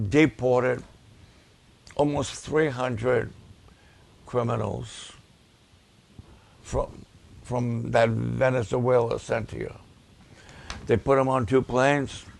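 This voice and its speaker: Preaching to viewers on a livestream, this man also plugs his ministry's videos. His mid-range voice is gravelly and raspy at times, and he speaks in an unhurried, deliberate way, driving points home through repetition.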